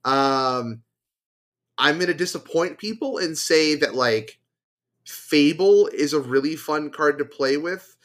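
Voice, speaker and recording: A man's voice: on the high side, animated, takes it slowly, a bit bright. A man, a podcast guest, talking casually about a card game and thinking aloud with many fillers and restarts. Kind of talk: casual chat.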